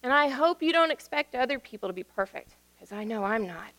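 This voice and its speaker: A woman pastor giving a children's sermon in a gentle, playful way, sometimes dropping to a soft near-whisper. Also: on the high side, animated, brisk. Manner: gentle, playful, talks down to kids' level.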